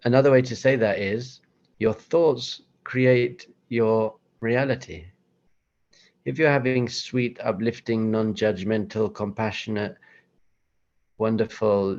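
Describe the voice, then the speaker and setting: A rabbi giving a chatty, self-deprecating motivational talk with slides, breaking into acted-out voices. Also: male voice, on the low side, a little mellow, muffled recording.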